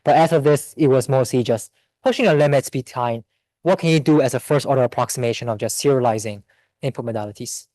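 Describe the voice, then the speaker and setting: A man giving a seminar talk and answering audience questions in a quick, think-aloud way with restarts. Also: medium pitch, mellow, no echo. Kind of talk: academic Q&A.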